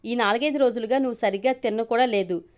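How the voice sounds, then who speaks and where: A woman's voice: a little high, quick pace, a little mellow, lightly acted. A woman voicing a caring young woman friend who coaxes insistently, in an audio story. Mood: coaxing. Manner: coaxing, insistent.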